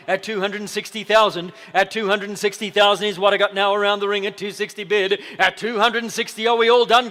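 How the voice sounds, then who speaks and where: Male auctioneer for live horse sale; high, forceful voice, repeated bid calls and salesman patter, long hall reverb. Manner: repetitive, persuasive, salesman-like patter. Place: indoor auction ring with a sound system.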